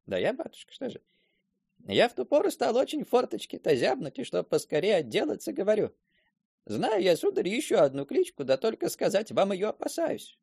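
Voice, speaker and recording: A chattering husky old village man. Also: high voice, no echo, clean studio sound, heavily acted. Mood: storytelling. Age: older. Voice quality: husky and creaky. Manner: lively, quick to mimic others' voices. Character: talkative old village man spinning a yarn. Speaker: storyteller character. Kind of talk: radio play acting.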